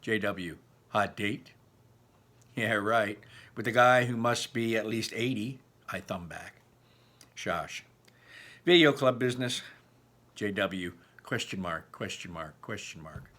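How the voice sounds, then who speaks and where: A man reads a novel aloud slowly, leaving long pauses, in a fairly low voice. Teacherly and informal, he's expressive and emphatic and slips in personal asides.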